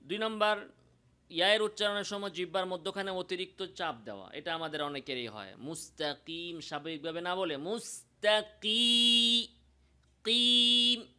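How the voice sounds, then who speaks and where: A man with a Bangladeshi Bengali accent teaching Quran pronunciation, explaining slowly and demonstrating sounds in drawn-out chanted examples. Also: a little high, sharp tone. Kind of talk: recitation lesson.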